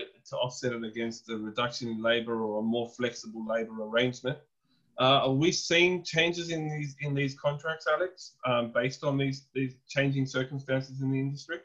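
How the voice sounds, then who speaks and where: A man's voice: mid-range voice, fairly bright tone, muffled recording. A man in his thirties moderating a webinar panel over a video call, handing questions to the guests in a conversational way.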